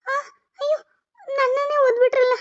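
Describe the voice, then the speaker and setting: A woman's voice: very high-pitched, steady tone, normal speed, darkish tone. A woman voicing an anxious but caring young newlywed queen in a cartoon, fretting to herself and coaxing her husband. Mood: worried. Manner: frets in whispered-style asides, coaxing to her husband. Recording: dull lo-fi audio.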